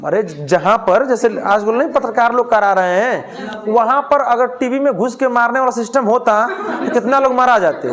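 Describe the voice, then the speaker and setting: A man's voice: very high voice, moderate pace, a crowd in the background. A male teacher, lecturing a class, asking questions and answering them himself, with a joke now and then.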